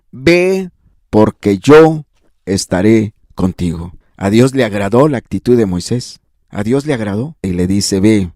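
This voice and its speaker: Man, pastor, sermon, emphatic repetitive cadence, mellow dark tone, dry close sound. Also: on the low side, no room sound. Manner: emphatic, repetitive preaching cadence with rising exclamations.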